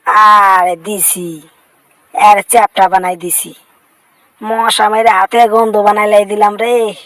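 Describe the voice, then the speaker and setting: A voice actor does a comic fan-dub of a boastful, vengeful cartoon cat, exclaiming, whining and bragging to himself in a gloating mood. The medium-pitched voice is slow, a bit bright, with little pitch movement.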